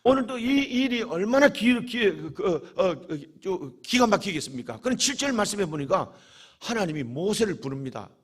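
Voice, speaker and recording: A man's voice: high-pitched, very animated, moderate pace, breathy edge. A male pastor preaching a fervent sermon, asking dramatic rhetorical questions.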